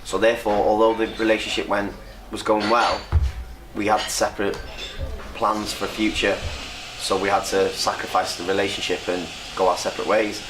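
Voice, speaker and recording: A young man from North Wales with the accent to match talks through his answers in an easy, rambling way, laughing now and then. His voice sits a little low and sounds distant in an echoey room. A crowd murmurs behind him. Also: level tone, moderate pace, music in the background. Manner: chatty, rambling, laughs often. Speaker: upcoming rapper. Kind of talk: casual interview answers.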